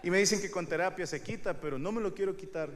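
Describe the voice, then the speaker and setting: A middle-aged Mexican man rambles through a crude, self-mocking stand-up set and now and then breaks into loud shouts. His voice sits a little high for a man. The live recording carries plenty of background noise. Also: quick pace, long reverb tail. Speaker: stand-up comedian. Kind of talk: stand-up comedy monologue. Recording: noisy live stage recording. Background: audience laughter.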